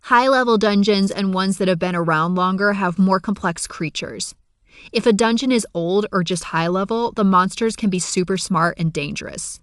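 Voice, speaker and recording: A woman's voice: medium pitch, expressive, normal speed, no echo, clean studio sound, lightly acted. Woman voicing a know-it-all gamer woman. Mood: explaining. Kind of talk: audiobook character reading.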